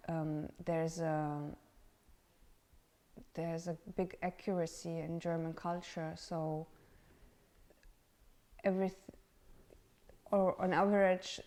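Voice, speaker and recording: Speaking slowly and low, this Romanian artist in residence answers interview questions casually, her voice a little mellow. She hesitates often, hunting for words amid plenty of fillers.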